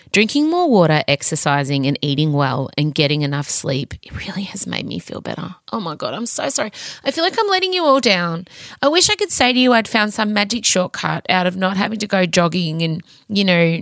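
A middle-aged woman with a slightly low voice hosts a podcast, recorded close and dry. She chats in a confessional, theatrical way, candid, sweary and happy to mock herself. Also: no room sound. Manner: sweary, theatrical, self-mocking candour. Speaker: podcast host. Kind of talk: chatty, confessional solo podcast monologue.

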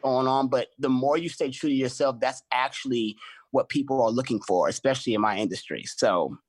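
Husky middle-aged guy, chatty storyteller, dry close sound. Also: mid-range voice, fairly quick, no echo. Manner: animated storyteller, acts out his own quoted lines. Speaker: choreographer and podcast guest. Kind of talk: casual conversation, storytelling.

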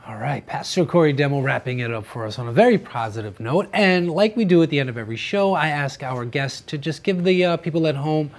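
A man's voice: fairly high pitch, expressive, brisk, hardly any pauses. A man hosting a television show, presenting links, thanks and sign-offs to viewers. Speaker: TV show host.

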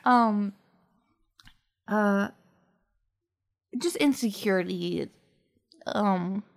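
A young woman co-hosting a podcast, talking in a hesitant, halting way with many fillers and restarts. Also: medium pitch, vocal fry. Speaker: podcast co-host. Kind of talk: casual intimate conversation.

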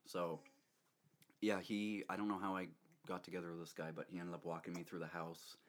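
A young man with a very low, deep voice tells a long rambling story in casual chat. He laughs often and keeps restarting his sentences as he goes. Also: flat delivery, a little fast. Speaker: storyteller co-host.

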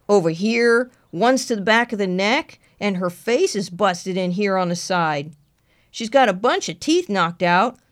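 A woman voicing a big, burly, gruff male sheriff in his fifties with a blunt, swearing drawl. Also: fairly high pitch, pitched above the performer's own voice. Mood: shocked, gruff.

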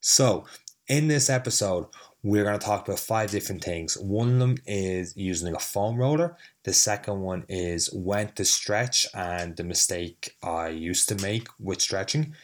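A man with a very low voice hosts his fitness podcast while fighting a cold, slightly sniffly. He talks in a loose, rambling, self-deprecating way. His mic sits a little further off than usual. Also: a little slow. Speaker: fitness coach and podcast host. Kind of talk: casual solo podcast talk. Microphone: mic set a little further away than usual.

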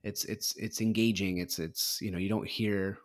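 A man's voice: on the low side, fairly even intonation, moderate pace, no room sound, clean studio sound. A man hosting a podcast, talking casually with a hesitant, filler-heavy, easygoing delivery. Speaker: podcast host. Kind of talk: casual chat.

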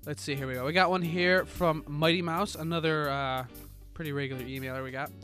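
A young man with a slightly higher voice co-hosts a relaxed podcast, joking and reading listener emails aloud. Faint guitar music plays softly behind him. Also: brisk. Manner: jokey, laughs often, reads emails aloud. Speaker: podcast co-host.

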